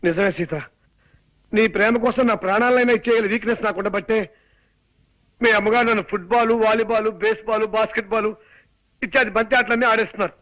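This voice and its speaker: A man playing a flustered, fawning suitor in a film comedy, talking in an exaggerated way and shouting at a deaf elder. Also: high-pitched, fairly even intonation, quick pace, long pauses, poor audio. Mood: lovelorn. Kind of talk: 1990s film comedy acting.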